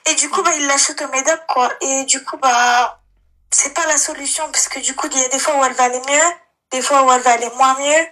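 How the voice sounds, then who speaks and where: A woman's voice: sits high, steady tone, a little fast, sharp tone, poor audio. A woman in her twenties calling in, chatting casually and hesitantly with a pinched, nasal voice. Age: 20s. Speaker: caller.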